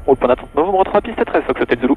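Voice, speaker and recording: A man's voice: on the high side, expressive, racing, phone-quality sound. A man making clipped, procedural radio calls as a pilot over a headset in a small aircraft. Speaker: private pilot. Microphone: aviation headset. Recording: pilot headset audio with aircraft cabin noise.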